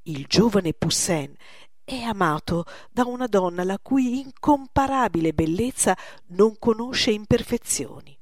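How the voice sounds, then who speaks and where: A woman's voice: mid-range voice, expressive, measured pace, a little mellow, dry recording, clean studio sound. A woman voicing a male painter, coaxing and emphatic. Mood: persuasive. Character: middle-aged male painter, persuasive.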